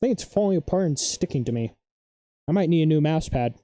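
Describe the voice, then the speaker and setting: A young man rambling through a casual live stream. His voice is deep, dark and mellow. It is recorded close and dry, with no room echo, and he argues his opinions with excitable conviction. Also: fast talker.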